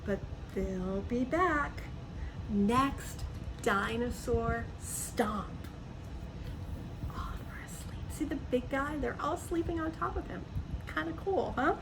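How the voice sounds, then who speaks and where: Reading a picture book to young kids, this woman speaks slowly in a rather high, expressive voice, stopping for friendly comments, easy explanations and questions aimed at her listener. Noise is clearly audible behind her.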